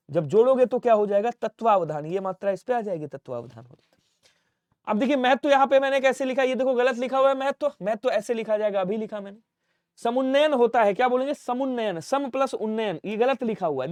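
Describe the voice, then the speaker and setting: A male teacher runs an exam-prep lesson, asking his students question after question and answering for them. His voice sits high, and the recording is dry and close, with no room sound. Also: a little mellow, dry recording. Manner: drills students with call-and-response questions; stresses and repeats spellings. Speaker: Hindi teacher.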